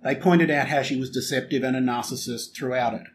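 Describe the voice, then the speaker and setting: A man co-hosting a podcast who is opinionated and emphatic in casual chat, often telling stories with quick asides. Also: mid-range voice, steady tone, a little hiss or hum. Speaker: podcast co-host.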